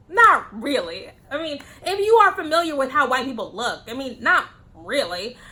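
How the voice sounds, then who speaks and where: Woman vlogger, bright forceful tone, blunt and profane, laughs a lot. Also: high-pitched, animated, normal speed. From United States. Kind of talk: casual opinion commentary.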